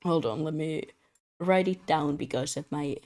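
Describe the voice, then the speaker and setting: This young adult streamer, a native Russian speaker, chats while working on commissions, sounding tired with slightly slurred words. The voice is mid-pitched and darkish, moving at a normal speed. Through a streaming mic, the rambling, self-deprecating talk is dotted with frequent laughs.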